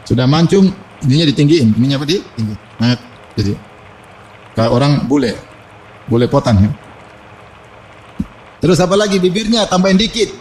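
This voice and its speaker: A man preaching a sermon, animated, with humorous asides and quoted Arabic verses. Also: mid-range voice, moderate pace, pauses often, a little hiss or hum. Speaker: Islamic preacher.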